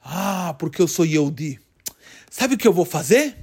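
A man's voice: fairly high pitch, very animated, moderate pace, a little mellow, breathy edge. A man acting out a poor, sorrowful man who pleads and frets in a children's story. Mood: pondering. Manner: pleading, tearful.

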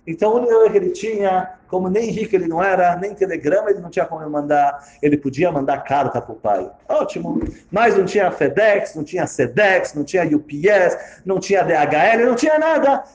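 A man tells a sermon story in a fairly high voice that rises and falls with lots of life. He is dramatic and animated, and he sounds echoey, as if in a reverberant room. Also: fairly quick, dull audio. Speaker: religious teacher.

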